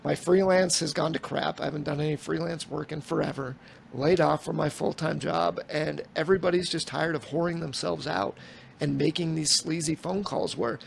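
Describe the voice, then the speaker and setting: A man's voice: fairly high pitch, steady tone, moderate pace, gravelly, slight background noise. A man in his forties co-hosting a podcast, chatting casually in a rambling way and slipping into quoted conversations. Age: 40s. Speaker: podcast co-host. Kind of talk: casual chat.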